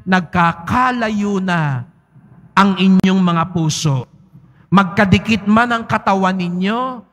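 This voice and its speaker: A man's voice: sits high, fairly bright tone. A man, a priest giving a Sunday homily in a large church, speaks conversationally with teasing asides and frequent tag questions. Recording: long church reverb.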